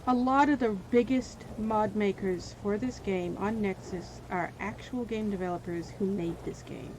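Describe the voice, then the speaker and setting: A woman streaming gameplay, her voice hoarse and wearing out, rambling and venting between comments on the game. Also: medium pitch, unhurried, noisy background.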